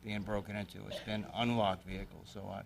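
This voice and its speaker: A man's voice: lowish voice, steady tone, gravelly, slight background noise. Earnest man addressing council. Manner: earnest, deliberate, plain-spoken. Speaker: police chief. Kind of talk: formal public address. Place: city council chamber.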